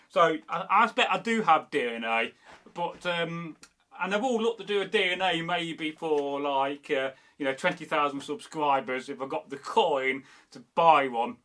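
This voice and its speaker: A history channel host from Derby, England reads viewer comments in a loose, meandering way, packed with fillers and restarts. He has a fairly high-pitched, fairly bright voice.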